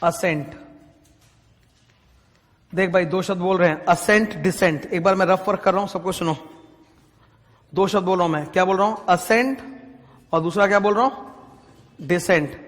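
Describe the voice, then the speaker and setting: A man, teaching a class. He dictates definitions slowly and keeps checking that students understand. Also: high-pitched, fairly even intonation, in a large hall. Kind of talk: lecture.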